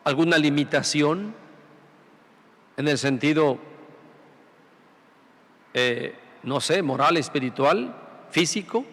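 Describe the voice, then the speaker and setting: A man's voice: fairly high pitch, takes it slowly, long pauses, a bit bright, long reverb tail. A man who is a priest, preaching a Sunday sermon through rhetorical questions and repeated phrases. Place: large church sanctuary.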